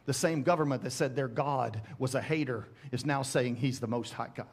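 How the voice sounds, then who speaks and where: On a large church stage, a middle-aged male pastor with a mid-range voice preaches into a headset mic. He alternates emphatic, rising calls with slow, drawn-out readings of scripture, and music plays behind the sermon.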